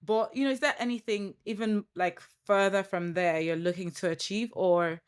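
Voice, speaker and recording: A young Nigerian woman hosting a podcast, speaking with a Nigerian accent. She tells her stories with animation, slipping into quoted asides, in a voice of middling pitch. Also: steady tone, normal speed, clean tone. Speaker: podcast host. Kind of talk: casual interview chat.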